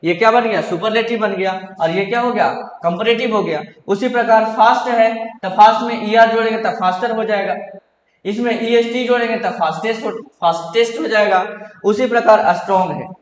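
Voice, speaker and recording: A man teaching an English grammar lesson in Hindi, asking questions and answering them himself in a repetitive drilling way. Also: high-pitched. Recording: echoey hall, roomy reverb.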